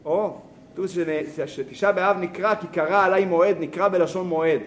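A man's voice: sits high, slight background noise. A man teaching a Torah lesson, asking rhetorical questions and telling a story. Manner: animated, asks rhetorical questions.

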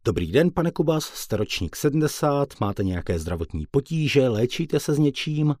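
A businesslike hospital doctor , played by a male narrator, asks his questions politely in a pitch raised above the reader's own. The recording is dry and close, the voice slightly husky. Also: big pitch swings, darkish tone, dry recording. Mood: questioning.

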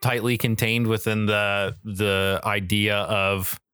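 A man's voice: lowish voice, flat delivery, takes it slowly, bright, forceful tone, clear, resonant tone, no room sound, studio quality. A man co-hosting a podcast, chatting casually and emphatically in slangy, mildly profane language. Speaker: podcast co-host. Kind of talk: casual chat about video games and media.

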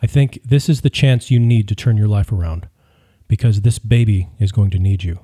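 A male narrator voicing a supportive young woman, speaking softly and reassuringly in an audiobook. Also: fairly low pitch, moderate pace, husky. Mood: tender. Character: tender, supportive young woman, his fiancée.

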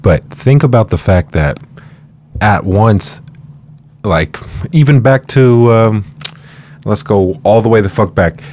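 A man's voice: lowish voice, animated, slow pace, pauses often, a little mellow, slight background noise. A man co-hosting in a loose, informal chat style. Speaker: podcast co-host. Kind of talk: casual chat.

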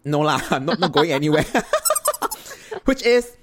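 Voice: medium pitch, huge pitch swings, slow pace, background noise. A speaker with a Singaporean Singlish accent coaching casually and emphatically, often checking in with short tag questions. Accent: Singaporean English (Singlish). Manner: emphatic, repeats points, checks with "right?" and "yeah?". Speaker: podcast host giving advice to freelancers.

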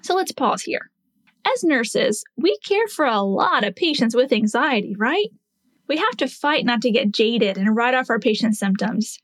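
A woman's voice: on the high side, sing-song, moderate pace, a bit bright, no room sound. A woman in her forties, a nurse hosting a podcast, telling a patient story and teaching in an earnest, explanatory way with rhetorical questions.

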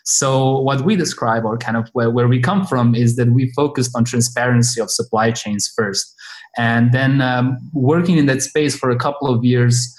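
A man being interviewed as a company founder, speaking softly and haltingly as he searches for words. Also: medium pitch, rough recording. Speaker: company founder, podcast guest. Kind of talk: interview answers.

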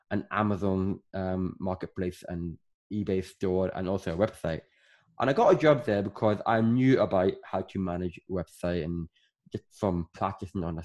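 A man in his thirties from Northern Ireland talks in a fairly low voice as a podcast guest. He chats casually and rambles, filling his talk with lots of filler phrases. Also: darkish tone. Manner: chatty, rambling with many fillers. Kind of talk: casual interview chat.

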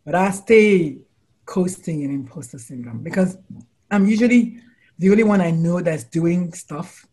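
A woman in her forties or older who works as a doctor and life coach in the United States keeps a measured pace in a casual interview. Her stories are animated, and she acts out quotes in high exclamations.

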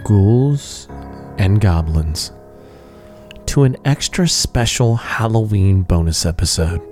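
A man's voice: on the low side, animated, slow pace, a little mellow. A man introducing a scary tale as a horror host, with theatrical, ominous scripted delivery. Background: music.

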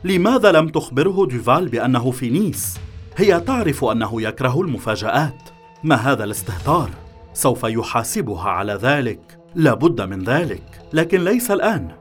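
A man of mid pitch narrates a suspense audiobook in a measured, dramatic way. Faint music runs underneath his voice. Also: sing-song.

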